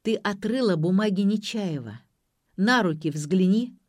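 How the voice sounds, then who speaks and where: A man's voice: high voice, animated, a little slow, dry recording, clean studio sound. A woman reading aloud voices a cheeky young guy who talks bluntly in slang, with a drawl.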